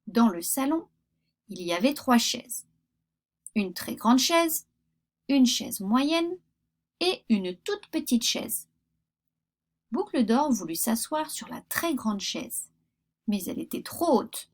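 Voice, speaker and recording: A woman reading a children's fairy tale aloud, expressive with pauses. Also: on the high side. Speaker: storyteller.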